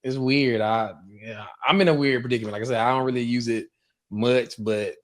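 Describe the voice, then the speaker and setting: Male podcast co-host, mid pitch, easygoing, slangy, runs the segments. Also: a little fast. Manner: relaxed, laid-back, uses slang. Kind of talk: casual chat.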